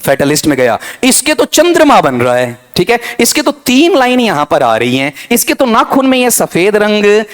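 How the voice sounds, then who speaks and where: Man, middle-aged, English teacher, revision lecture, slightly high pitch, very expressive intonation. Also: normal speed, few pauses. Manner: animated, talks to students as beta, frequent "theek hai". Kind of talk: lively classroom revision lecture.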